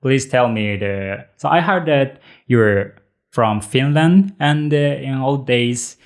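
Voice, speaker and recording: A man whose first language is Japanese, hosting an interview politely in halting English with frequent restarts. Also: mid-range voice. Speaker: podcast host.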